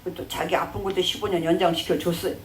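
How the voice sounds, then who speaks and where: A woman's voice: lowish voice, fairly even intonation, very fast, distant mic. A woman pastor preaches in a loose, storytelling way and slips into the voices of the people she describes. Her voice rings around a roomy church hall, with a faint hiss underneath. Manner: conversational storytelling, acting out quoted speech. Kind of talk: sermon.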